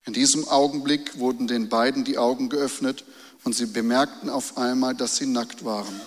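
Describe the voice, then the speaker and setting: A man's voice: medium pitch, steady tone, normal speed, big-room sound. A man preaching a sermon and reading Bible verses, repeating key phrases and asking the listeners rhetorical questions. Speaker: pastor.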